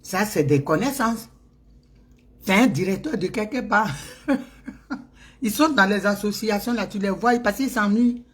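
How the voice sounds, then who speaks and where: A woman's voice: medium pitch, expressive, a little slow, pauses often. A middle-aged woman with an Ivorian French accent, ranting in a casual, teasing way and laughing often. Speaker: vlogger. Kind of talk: casual mocking rant.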